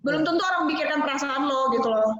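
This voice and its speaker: A woman co-hosting a casual podcast chat, animated and slangy, laughing often. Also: high-pitched, quick pace, slight background noise. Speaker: podcast co-host. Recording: roomy, distant, dull lo-fi sound.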